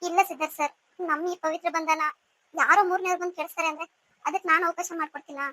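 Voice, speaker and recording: A woman's voice: very high voice, fairly even intonation, fast, pushed and bright, no echo. A woman voicing a devoted young wife in a cartoon serial, speaking in an earnest, pleading way.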